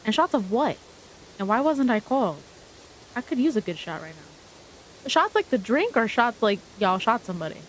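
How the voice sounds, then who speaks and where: A woman livestreamer chatting casually as she plays, with a cute, bubbly, animated anime-streamer delivery. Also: a little high, normal speed, rough recording. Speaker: streamer hosting a game livestream. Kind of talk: casual livestream chat while playing puzzle games. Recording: clear hiss of steady background noise.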